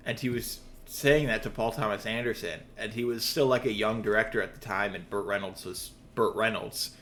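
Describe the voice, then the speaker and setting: A man's voice: fairly low pitch, steady tone, normal speed, a bit bright. A man co-hosting a casual podcast, telling stories with frequent laughs and casual swearing. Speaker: podcast co-host. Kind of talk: casual chat.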